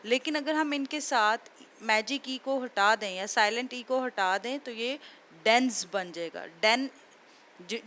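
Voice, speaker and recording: A woman's voice: a little high, sharp tone, slight background noise. Woman patiently sounding out words. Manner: patient, explains step by step, sounds words out slowly. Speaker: teacher. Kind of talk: phonics lesson for kids.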